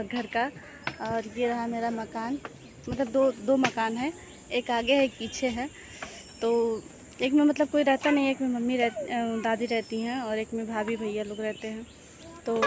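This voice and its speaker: A woman's voice: fairly high pitch, background noise. A woman in her thirties with a Bhojpuri-tinged Hindi accent, chatting casually in a vlog, outdoors at a village home, recorded on a phone. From eastern Uttar Pradesh, India. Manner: chatty, repeats "what to say" often. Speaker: vlogger.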